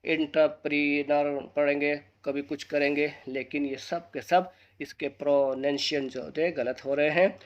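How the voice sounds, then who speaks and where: A man teaching pronunciation to students, asking them quiz questions and slowing down to give each correct word. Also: level tone, lo-fi sound. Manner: slows and drops low on each correct word. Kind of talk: scripted lesson with quiz questions to viewers.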